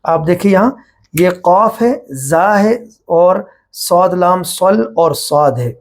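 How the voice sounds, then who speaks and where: A man from Pakistan with a Pakistani accent, a Quran teacher giving a patient whiteboard lesson and slipping English terms into his explanations. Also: high voice.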